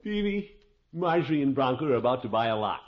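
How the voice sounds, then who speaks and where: A man acting a fretful, pompous, soft-hearted middle-aged uncle in a 1950s radio sitcom, blustering and hemming with theatrical sighs. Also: medium pitch, sing-song, quick pace, lightly acted. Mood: worried. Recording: dull, noisy old radio recording.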